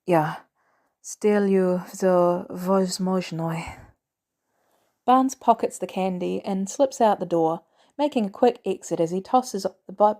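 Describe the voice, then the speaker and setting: A woman with a mid-range voice reads fiction aloud as an audiobook narrator, using an expressive storytelling style.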